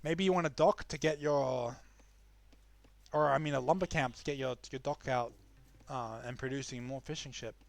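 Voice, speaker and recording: A man's voice: mid-range voice, fairly even intonation, normal speed, gravelly. A young man casting a strategy game live, chatty and loose, often restarting his sentences. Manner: chatty, frequent restarts and fillers. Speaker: esports caster.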